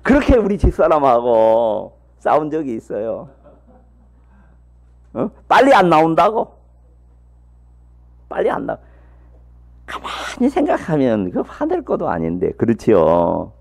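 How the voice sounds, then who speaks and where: A man preaching a sermon as a missionary, telling the story in a lively, folksy way and asking his congregation rhetorical questions. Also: mid-range voice, unhurried, gravelly, pauses often. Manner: folksy, humorous asides.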